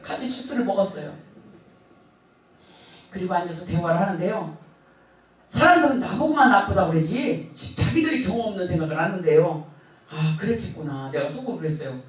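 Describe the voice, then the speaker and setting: A man's voice: high voice, lively intonation, fairly quick, long pauses, distant mic. A male pastor preaching a Sunday sermon, telling a story with emphatic swings and laughter. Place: church sanctuary. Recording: echoey church hall, speaker off-mic.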